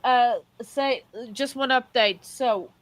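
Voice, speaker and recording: Female livestream host, slightly high pitch, casual and joking, scattered delivery. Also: slow, dry recording.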